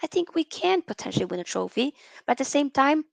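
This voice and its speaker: Talking fast with big pitch swings, this young woman from Norway has a high, creaky voice recorded with no echo. She runs a relaxed football livestream, reading out viewer comments and chatting with her audience.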